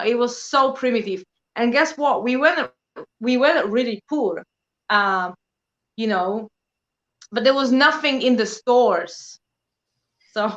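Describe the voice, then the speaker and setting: The high frequencies are cut off in this clip of a fairly high-pitched woman. She's in her thirties, Polish by origin and accent, and a guest in a casual chat, telling animated stories loaded with fillers like "you know."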